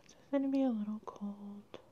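A woman in a gentle, soft-spoken ASMR dental roleplay, playing a reassuring dentist. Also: medium pitch, fairly even intonation, moderate pace, husky, dull audio.

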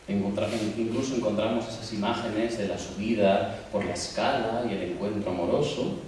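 A man's voice: lowish voice, dark tone. A man coordinating a poetry recital, giving a hesitant spoken introduction with many restarts. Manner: hesitant, repeats and restarts words. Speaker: event coordinator. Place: large university hall. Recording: echoey hall, distant mic, faint hiss.

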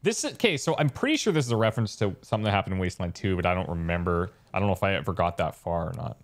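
A man's voice: low-pitched, lively intonation, very fast. Chatty man narrating his gameplay. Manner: chatty and musing, thinks aloud with fillers. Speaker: let's play host. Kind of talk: casual gameplay commentary.

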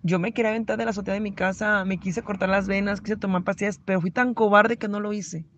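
A middle-aged Mexican woman giving an earnest, halting personal faith testimony about recovering from addiction. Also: mid-range voice, fairly even intonation. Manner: earnest, halting, emotional confession. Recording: slightly dull lo-fi audio with faint background noise.

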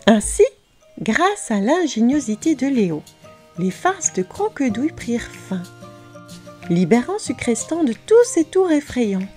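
A woman narrating a children's storybook in an expressive, lively manner. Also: a little high, a little slow, soft background music.

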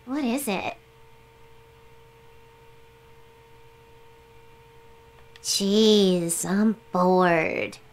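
A woman's voice: very high-pitched, a bit bright, full character voice. A woman voicing a bubbly, scatterbrained and cheeky young girl heroine in an anime video game, playful and dramatic. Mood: bored, grossed out. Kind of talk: English video game voice acting.

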